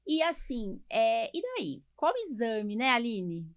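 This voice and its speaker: A Brazilian allergist hosts a podcast, explaining things informally in a casual conversation, frequently using tag questions and diminutives. Her fairly high voice is sing-song, and she takes it slowly.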